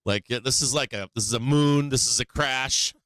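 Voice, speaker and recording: A man hosting a day-trading livestream in a rambling, profane way, his voice coming through thin and tinny with no bass. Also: moderate pace, a bit bright, clean tone, dry recording. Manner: rambling, profane, loose with fillers. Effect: thin, tinny mic sound with no bass. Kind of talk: casual livestream commentary.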